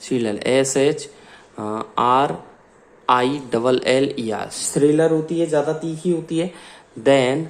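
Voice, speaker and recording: Indian guy teaching science, reads out notes super slow, spells every word. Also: mid-range voice, steady tone. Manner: slow dictation, spells out words letter by letter, mixes Hindi and English. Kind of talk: dictating class notes.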